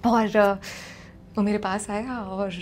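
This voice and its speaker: A young woman performing a comic personal story, chatty and animated, slipping English phrases into her telling. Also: medium pitch, slow pace, slight background noise.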